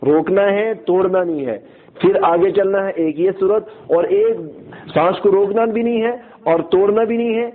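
A man teaching a Quran recitation lesson. He explains the rules, asks students if they follow, and slowly chants the verses as examples. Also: sits high. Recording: tinny phone-like lo-fi audio.

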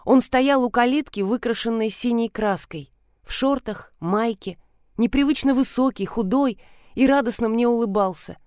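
Brief: female audiobook narrator, higher voice, dry close recording. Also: normal speed, a little mellow, no room sound.

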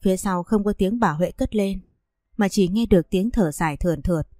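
A woman narrating a first-person story in a steady storytelling manner. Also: medium pitch, brisk, dry recording, studio quality.

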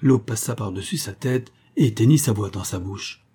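Low, husky male audiobook narrator. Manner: steady, measured storytelling. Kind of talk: scripted narration of a novel.

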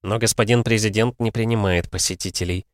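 A man's voice: lowish voice, steady tone, fairly quick, no room sound, studio quality, voice pushed up, close to an everyday voice. A man voicing a stubborn, polite male bank clerk in an audiobook, courteous and firm. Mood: politely stubborn.

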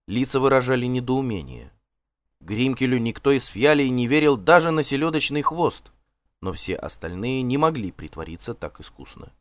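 A man narrating an audiobook in a measured, expressive reading. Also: mid-range voice, no room sound.

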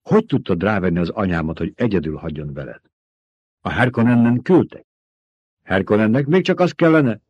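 A man's voice: fairly low pitch, lively intonation, husky, dry recording. A man voicing a proud but frightened teenage boy, tense and defiant, in a dull lo-fi audiobook recording. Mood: alarmed.

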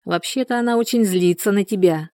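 Woman reader voicing an anxious, wry young woman, dark tone. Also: mid-range voice, a little fast, no room sound, clean studio sound, lightly acted. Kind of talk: audiobook character voice.

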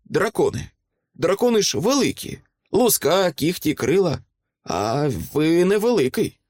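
Male narrator as a skeptical young wizard, raised incredulous delivery, lively pitch, audiobook. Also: a little slow. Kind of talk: audiobook character reading.

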